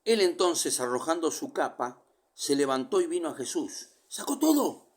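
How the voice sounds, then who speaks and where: Going through scripture one verse at a time, this preacher explains each passage in a fairly high voice at a normal speed. His delivery ranges from loud calls to almost whispering.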